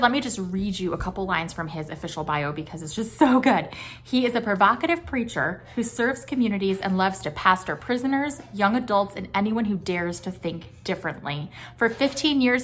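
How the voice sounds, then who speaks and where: Woman podcast host, super gushy and excited, lots of "like" and "just", faint hiss behind. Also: mid-range voice. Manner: effusive, gushing, many fillers like "just" and "like". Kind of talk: enthusiastic podcast introduction and interviewing.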